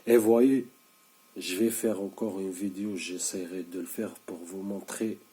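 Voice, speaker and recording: Talking directly to camera in a casual monologue, a man in his 30s who hasn't slept enough repeats himself insistently, frequently stumbling and starting over. He has a low, dark, steady voice and speaks a little slowly.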